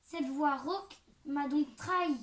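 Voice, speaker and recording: A woman's voice: high voice, measured pace, distant mic. A woman voicing a sly, hungry male wolf in a storybook reading, growling and scheming. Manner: growling, then whining when pleading.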